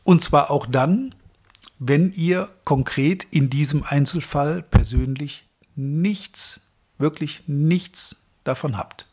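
A man's voice: a little high, takes it slowly, darkish tone, husky. A middle-aged man from Germany giving a motivational training talk to salespeople, speaking to them directly and stacking up long lists of verbs.

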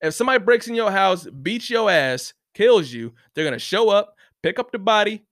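A man's voice: high voice, lively intonation, moderate pace, fairly bright tone, no room sound. Rambling, profane man, dry close mic. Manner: rambling, profane, many restarts and fillers. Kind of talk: casual rant to camera. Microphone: close mic, bumped once.

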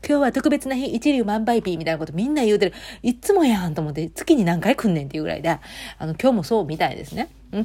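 Kansai woman, solo audio host, rapid rambling chat, lower pitch. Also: darkish tone. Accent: Kansai Japanese. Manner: rambling and chatty, many fillers and asides. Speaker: podcast host.

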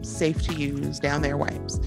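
A lower-pitched woman chatting casually as a podcast co-host. She's blunt and swears often, with laughs breaking through, and music plays clearly under her voice. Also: little pitch movement, takes it slowly. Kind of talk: casual chat.

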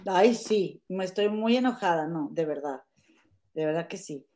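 A woman's voice: fairly low pitch, lively intonation, moderate pace, noisy background. Mexican woman on a gossip show, super scandalized, slangy and blunt. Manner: scandalized and outspoken, uses slang like "güey" and "vato". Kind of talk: casual gossip chat.

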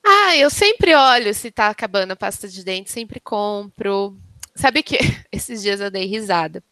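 A woman in her thirties with a Brazilian accent, co-hosting a casual chat and telling anecdotes in a chatty, expressive way. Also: medium pitch, measured pace, no room sound. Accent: Brazilian Portuguese. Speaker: podcast co-host.

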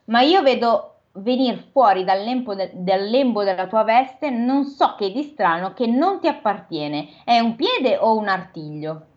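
A woman's voice: a little high, lively intonation, a little slow, hardly any pauses. A woman reading the lines of an old miserly man who asks wary questions, with a dull, lo-fi sound.

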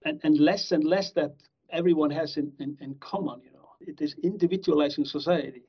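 Heard through slightly dull lo-fi audio, this guest is a middle-aged man from Iceland who teaches criminology. He speaks briskly in a somewhat high, slightly rough voice, wandering through his interview answers with frequent fillers and false starts.

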